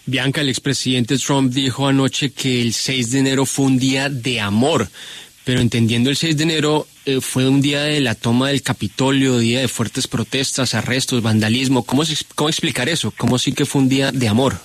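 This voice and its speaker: A man's voice: mid-range voice, steady tone, a little fast. A man interviewer pressing a guest with probing questions on a broadcast.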